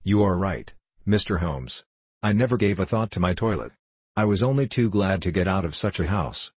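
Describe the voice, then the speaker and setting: A man reading the part of a stout, pompous, respectable gentleman who speaks indignantly. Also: sits low, expressive, moderate pace, slightly rough, dry recording.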